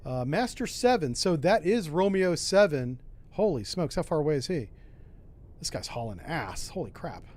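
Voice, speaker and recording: A man's voice: a little high, sing-song, normal speed, darkish tone. A man doing casual commentary on a submarine game, thinking aloud with mild exclamations. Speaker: gamer, host.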